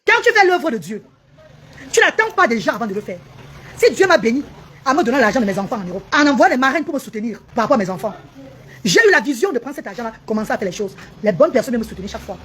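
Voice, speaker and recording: A woman's voice: fairly high pitch, sing-song, a bit bright. A woman, vlogging on social media in a defiant, indignant way. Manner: rapid-fire, defiant, indignant.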